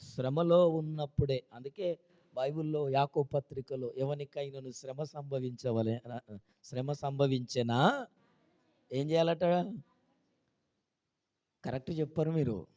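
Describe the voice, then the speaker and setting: A man preaching a sermon as pastor. He switches between quiet asides and loud, rising exclamations, and he questions the congregation. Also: mid-range voice, steady tone, measured pace, long pauses, in a large hall, dull audio. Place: church hall.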